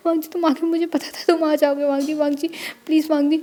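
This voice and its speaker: A woman's voice: high voice, little pitch movement, fast, warm tone, close to an everyday voice. A woman voicing a heartbroken young man who cries and pleads in a storybook retelling. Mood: sobbing. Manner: crying pleas.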